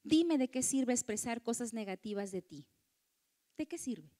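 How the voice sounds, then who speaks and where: High-voiced woman giving a talk. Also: lively intonation, moderate pace. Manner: warm lecturing, acts out quoted voices, asks audience. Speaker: conference speaker. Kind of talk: motivational talk to women.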